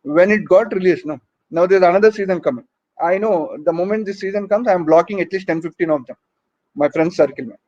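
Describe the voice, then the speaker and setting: A man's voice: high-pitched, brisk, darkish tone, a little hiss or hum. A man with an Indian English accent performing a stand-up comedy set for an online audience, teasing and chatty, full of tag questions. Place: home, virtual conference. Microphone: online call audio. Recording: dull lo-fi online audio.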